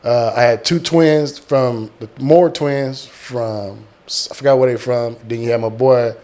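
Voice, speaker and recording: A man's voice: mid-range voice, slow pace. Middle-aged man telling stories. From small-town Texas, United States. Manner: animated retelling, acting out quotes, repeating words for emphasis. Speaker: guest, military veteran. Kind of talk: casual personal storytelling.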